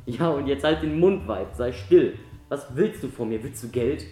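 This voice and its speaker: A man's voice: mid-range voice, normal speed, mellow, close to an everyday voice. A man voicing an arrogant young con man who talks down to a woman with smug contempt. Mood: mocking. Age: young adult. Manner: smug, condescending, mocking. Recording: echoey room with music behind.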